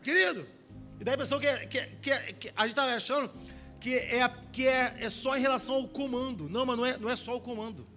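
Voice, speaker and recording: A man with a Brazilian Portuguese accent preaches a sermon as a pastor, using restarts and rhetorical questions, then slowing and swelling on key phrases. His voice is very high, bright, and forceful, with faint music behind him.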